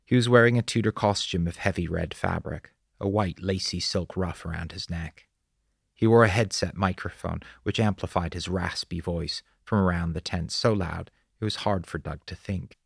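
Really low gravelly guy reading an audiobook, kinda husky, dry close mic. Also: no echo. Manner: measured, descriptive storytelling. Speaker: audiobook narrator. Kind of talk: scripted audiobook narration.

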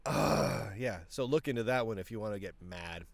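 Animated man with a throat tickle. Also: on the low side, moderate pace, no echo. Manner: animated, talks with frequent restarts. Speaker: podcast host. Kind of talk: casual political commentary monologue.

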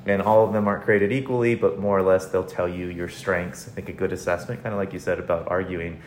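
A man's voice: deep voice, fairly even intonation, fast talker, a little mellow. A man talking casually as an expert podcast guest, explaining things in an informal, plain-spoken way in a home dining room. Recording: roomy echo, faint room noise.

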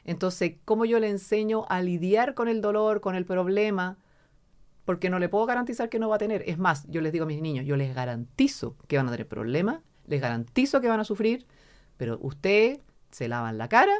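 A woman's voice: mid-range voice, animated, brisk, a little mellow. A middle-aged woman with a Chilean Spanish accent, a podcast guest who talks casually and acts out quoted voices as she tells stories.

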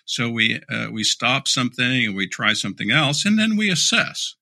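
A middle-aged leadership speaker answers interview questions about leadership as a guest, candid and dryly sarcastic, often restarting his words. His medium-pitched voice is sing-song and creaky with a sharp tone, at normal speed.

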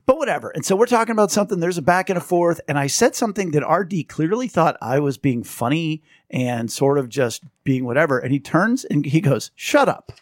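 A man's voice: fairly quick, few pauses, no echo, clean studio sound. A middle-aged man, telling stories as a podcast host in casual chat. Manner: animated storyteller, jumps high on quoted lines.

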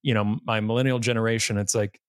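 A fast-talking man from the Massachusetts area hosts a podcast, rambling through a casual interview conversation, saying "like" constantly and restarting sentences. His voice is on the low side with a level tone, clear and resonant, recorded cleanly in a studio without echo.

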